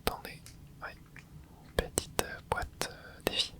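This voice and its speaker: A gaming creator takes it slowly in this whispered ASMR let's play, the voice breathy and unvoiced all along. The narration stays soft and casual, advancing through short remarks and little interjections.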